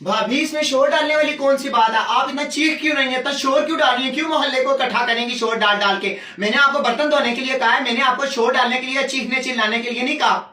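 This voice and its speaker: A man's voice: extremely high pitch, fairly even intonation, fast, hardly any pauses, bright, forceful tone. A man voicing a haughty young woman who scolds her sister-in-law in a comic sketch. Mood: haughty scolding. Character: prim, scolding young woman who asks for the dishes to be washed. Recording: roomy and distant.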